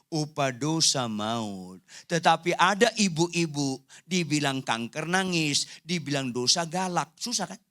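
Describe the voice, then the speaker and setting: A man preaching a sermon as pastor in a church hall, joking and acting out the people in his stories. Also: on the high side. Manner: animated joking preacher, acts out voices.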